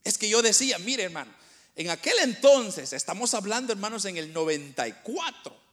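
High-voiced, bright, slow-preaching man. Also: sing-song. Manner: preaching, addressing listeners as brothers; slow, emphatic delivery with quick asides. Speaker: pastor. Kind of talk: sermon.

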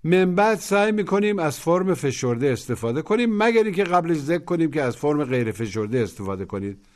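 A man's voice: fairly high pitch, lively intonation, a little mellow. A man teaching a language course, giving patient step-by-step instructions for repetition drills. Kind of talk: explaining drills in Persian.

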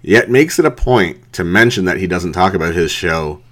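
Deep-voiced man in his thirties ranting. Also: expressive, moderate pace, fairly bright tone. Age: 30s. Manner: mocking, blunt, heavy swearing, laughs at his target. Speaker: podcast host. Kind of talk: profane ranting commentary.

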